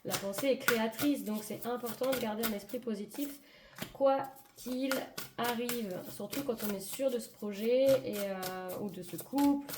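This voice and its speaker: Higher-voiced woman reading cards, voice giving out. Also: normal speed. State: hoarse voice giving out, clearing throat. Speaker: tarot and oracle card reader. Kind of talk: casual, improvised card reading to viewers. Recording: echoey room with clear background noise.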